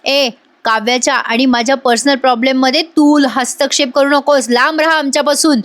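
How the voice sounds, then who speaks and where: A woman voicing a quick-tempered young husband in her own voice, arguing and defending himself. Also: high voice, fairly even intonation, natural voice. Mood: indignant.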